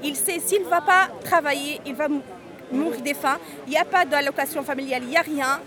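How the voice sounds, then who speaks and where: Interviewed amid an outdoor crowd at a street march, this undocumented Tunisian migrant in her 40s talks earnestly in a high-pitched voice, a little fast. She frequently repeats words and starts over.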